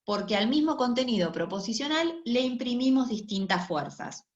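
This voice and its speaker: A woman's voice: a little high, lively intonation, normal speed. A woman lecturer explains linguistics in a recorded online class, often checking in with her listeners. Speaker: university lecturer. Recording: echoey room, dull lo-fi sound.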